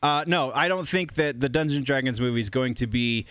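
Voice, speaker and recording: A man's voice: medium pitch, a little fast, a bit bright, clear, resonant tone, no room sound. A man hosting a casual pop culture news livestream, rambling, correcting himself and chuckling as he reads headlines. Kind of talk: casual live news commentary.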